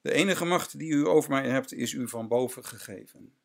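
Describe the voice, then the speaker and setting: A man voicing a calm, firm teacher answering his judge solemnly. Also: mid-range voice, normal speed, gravelly, pitched above the performer's own voice, close to an everyday voice. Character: calm, firm male religious teacher under trial.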